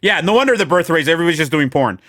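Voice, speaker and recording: Man with a fairly high voice, rambling. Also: expressive, racing, bright, forceful tone, no echo, studio quality. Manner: rambling, laughing, lots of fillers and jokes. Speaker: podcast host. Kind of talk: casual chat.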